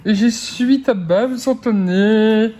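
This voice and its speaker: A young mother in a casual home vlog, talking softly and cooingly to her baby between chatty updates. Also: fairly high pitch, slow. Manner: soft cooing baby talk.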